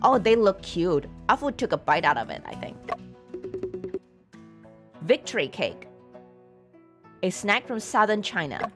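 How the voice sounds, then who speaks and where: Unhurried woman streamer, lively voice. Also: medium pitch, faint music behind. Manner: reads on-screen text aloud, with sudden swearing. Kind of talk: casual game commentary.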